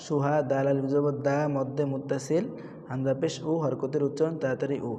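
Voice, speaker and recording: A man teaching Quran reading, patiently spelling out letters and chanting the words in a raised, drawn-out voice. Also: medium pitch, level tone, mellow, muffled recording. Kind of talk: spelling out and drilling Quran recitation. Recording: reverberant room with faint background noise.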